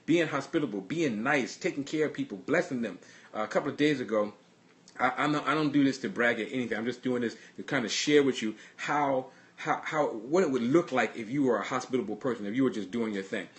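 A man pastor preaching in a casual livestreamed sermon. His voice sits in an ordinary middle register. He talks earnestly through personal stories, halting and repeating words as he goes. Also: mid-range voice. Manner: earnest storytelling.

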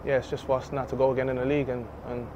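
A young man, a footballer giving a relaxed, candid post-match interview into a handheld mic in an empty stadium. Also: mid-range voice, very fast. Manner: relaxed, candid, laughs easily. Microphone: handheld reporter mic. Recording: slightly dull outdoor audio with faint noise.

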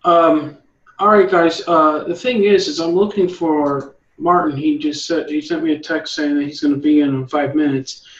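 A man's voice: a little high, fairly even intonation, normal speed, roomy sound, muffled recording. Encouraging man critiquing artwork. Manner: encouraging, restarts sentences often. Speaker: art instructor leading a meetup. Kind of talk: art critique, casual coaching.

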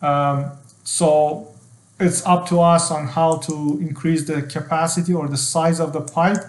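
A middle-aged man teaching an engineering software tutorial, explaining step by step with fillers and restarts. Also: on the high side, roomy sound. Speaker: HVAC design instructor. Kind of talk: screen-share software tutorial.

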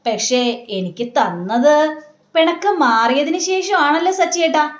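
A woman's voice: high voice, very animated, measured pace. A woman voicing a playful young wife who teases and scolds her husband, in an echoey room. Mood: teasing. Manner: teasing, scolding questions.

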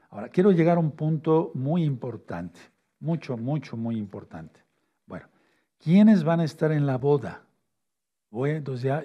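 Husky-voiced man preaching, checking in often. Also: medium pitch, mellow. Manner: asks "¿sí?" and "¿de acuerdo?" often, repeats key words slowly. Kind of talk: sermon teaching with a whiteboard.

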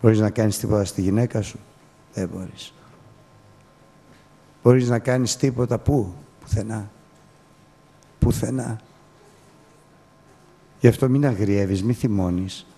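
A man preaching earnestly with a low, dark voice. He sinks into hushed asides and then lifts into sharp exclamations. His words ring out with the long reverb of a church hall. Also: pauses often, slightly rough. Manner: earnest, with quiet dropped-voice asides and sudden raised exclamations. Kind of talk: sermon.

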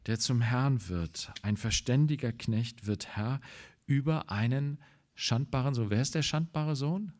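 A man with a German accent preaching a sermon as pastor, slow and deliberate, growing emphatic when he reads scripture aloud. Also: darkish tone. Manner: emphatic, rises in pitch and volume when reading scripture; slow, deliberate delivery with pauses.

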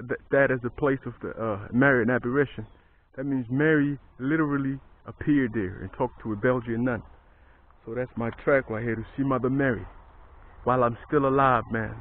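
A man on a pilgrimage walk vlogs casually while walking roads and camping in his tent, sounding laid-back and prayerful and often tacking "man" onto his sentences. His mid-range voice moves at normal speed. The tinny lo-fi camera audio carries faint outdoor noise.

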